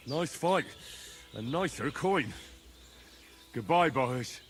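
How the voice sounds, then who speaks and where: Wry, lively-voiced medieval villager. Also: male voice, medium pitch, slow pace. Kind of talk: video game role acting.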